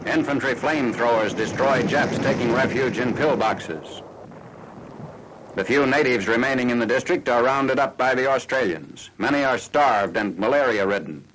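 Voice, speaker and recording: A man's voice: medium pitch, normal speed, a bit bright, slight background noise, poor audio. A man reads scripted military newsreel narration in a formal, matter-of-fact 1940s style, on an old film soundtrack.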